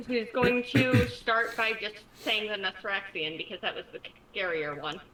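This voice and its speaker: Bright-voiced woman playing a tabletop game. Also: medium pitch, fairly even intonation, moderate pace, low-quality recording. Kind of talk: casual in-character play and table talk.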